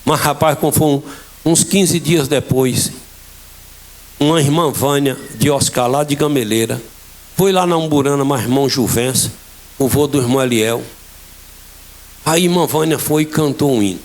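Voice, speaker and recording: A man's voice: mid-range voice, normal speed, pauses often. A middle-aged man with a Bahian accent, preaching a fervent sermon in a church and telling his testimony, acting out the dialogue in it. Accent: Bahian Portuguese. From Bahia, Brazil. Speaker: pastor.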